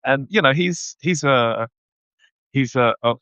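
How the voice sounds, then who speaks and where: A man, a guest speaking thoughtfully in a casual interview, often pausing and restarting. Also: medium pitch, bright, forceful tone, no echo. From London, England. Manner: reflective, hesitant with many restarts and ums. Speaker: guest, running writer. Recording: dull, dry lo-fi audio.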